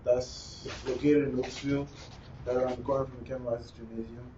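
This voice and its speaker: A young man with a Bahamian accent, a basketball player answering interview questions in a relaxed, plain way. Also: mid-range voice, fast talker. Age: young adult. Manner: relaxed, plain, uses "like" and "you know". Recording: roomy, distant, dull with faint noise.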